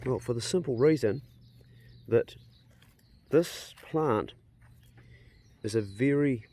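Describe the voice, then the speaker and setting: Man, broad New Zealand accent, mid-pitched, casual vlog chat, plain-spoken, rambling. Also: slow pace, warm tone. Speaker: vlogger and landowner.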